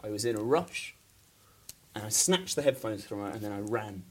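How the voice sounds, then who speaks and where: In a casual storytelling episode, this male podcast co-host rambles through a long, self-deprecating tale with frequent laughter. He speaks at a moderate pace with a fairly low pitch and lively intonation over slight background noise.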